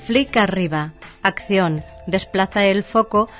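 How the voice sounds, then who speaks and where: A woman's voice: medium pitch, slow, faint music behind. A woman narrating a scripted instruction manual formally, reading it out in short labelled items.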